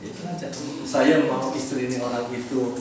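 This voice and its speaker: A man preaching, lively, drawing answers from the crowd. He sounds far from the microphone. The big hall echoes heavily, with steady noise behind him. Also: medium pitch, moderate pace. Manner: lively, asks the audience questions often. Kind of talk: sermon.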